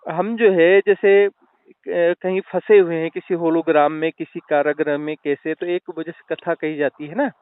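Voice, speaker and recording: A man explains spiritual ideas slowly, stopping and restarting as he tells a story. His voice is high and smooth. The sound is dry and thin, like a phone line. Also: fairly even intonation, no echo. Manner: slow, explanatory, with restarts and fillers. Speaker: spiritual teacher, guest.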